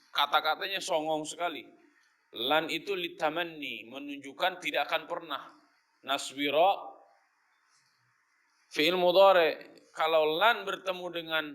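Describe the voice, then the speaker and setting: A man's voice: a little high, sharp tone. A man teaching a Quran study lesson. He explains the Arabic word by word and mixes in casual slang and teasing commentary.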